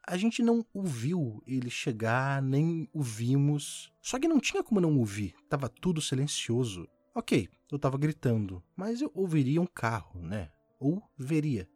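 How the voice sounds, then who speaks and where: A man's voice: a little high, a little mellow, husky, dry recording. A man hosting a podcast, reading a listener's horror story aloud with dramatic rises and falls for suspense. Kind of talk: scripted horror story narration.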